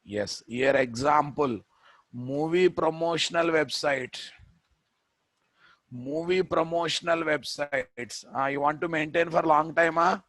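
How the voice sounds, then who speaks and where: A man's voice: fairly high pitch, slow, a bit bright, dry recording. A man with a Telugu Indian accent lecturing as a programming instructor, repeating phrases for emphasis and prompting his listeners with questions. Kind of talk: classroom lecture with rhetorical questions.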